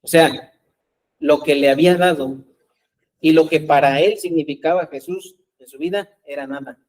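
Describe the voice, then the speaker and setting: A man's voice: fairly high pitch, normal speed, a little mellow, poor audio. A man preaching a sermon as pastor, talking conversationally and often asking his congregation rhetorical questions.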